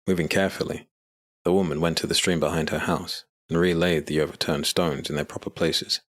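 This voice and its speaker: A man narrating a dark fantasy audio drama with measured, even storytelling. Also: low-pitched. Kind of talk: scripted narration.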